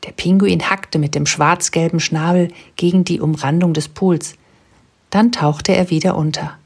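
A woman reads a children's storybook aloud in a calm, even storytelling manner. Her voice sits low and has a husky, breathy grain. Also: normal speed. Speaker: narrator. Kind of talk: scripted storybook narration.

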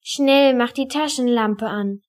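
A determined young girl from a storybook, brave but scared, hissing urgent warnings, as a woman reading aloud puts her on. Her voice sits fairly high. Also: slow pace. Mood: alarmed.

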